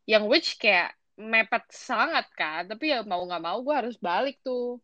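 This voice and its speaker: A young woman, co-hosting a podcast and telling a story in casual, slangy, animated chat. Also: on the high side, no room sound, highs cut off. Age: young adult. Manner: animated, slangy, quick bursts of excitement. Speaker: podcast co-host.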